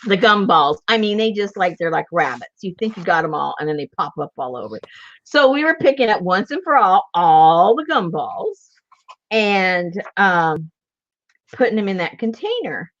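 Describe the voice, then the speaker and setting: A woman's voice: on the low side, very animated, normal speed, fairly bright tone. A woman hosting a casual crafting video, chatting while she works and laughing often as she tells stories. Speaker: junk journal crafter and channel host. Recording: slightly dull lo-fi recording.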